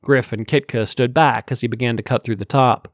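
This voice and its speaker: A man reading a science fiction story aloud in a steady, even narration. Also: medium pitch, fairly quick, dry recording, clean studio sound. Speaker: audiobook narrator. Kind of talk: scripted narration.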